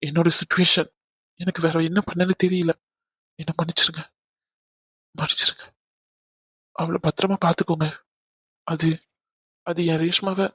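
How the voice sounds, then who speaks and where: A remorseful young cartoon groom, voiced by a man, earnest and gentle, who pleads and apologizes with halting restarts. His voice sits high for a man. The recording is dry and close. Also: slightly rough, no echo. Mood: apologetic. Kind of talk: cartoon drama dubbing.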